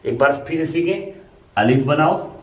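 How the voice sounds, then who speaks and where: Teaching beginners the Arabic alphabet at a board, a man works through each letter patiently and step by step, repeating often. His pitch is fairly high, his intonation lively, and his pace moderate. He's far from the mic, and the room echoes.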